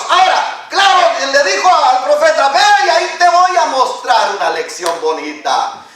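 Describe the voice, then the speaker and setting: High-pitched shouting preacher in echoey church. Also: male voice. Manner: preaches with sudden shouts and hushed asides, mimics other people. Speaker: pastor. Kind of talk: sermon. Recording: echoey hall, mic far off.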